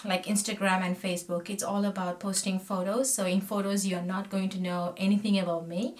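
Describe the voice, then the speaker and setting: Doing her makeup in front of a close-range camera, a friendly, talkative Sri Lankan makeup vlogger in her thirties speaks in a mid-range voice, flat and a little fast, frequently leaving sentences unfinished. She sits in a small indoor room against a plain backdrop.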